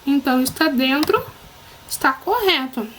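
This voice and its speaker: A woman's voice: sits high, expressive, normal speed, a bit bright, slight background noise, poor audio. A woman teacher with a Brazilian Portuguese accent giving a recorded lesson to children, patient and encouraging, often checking that they follow.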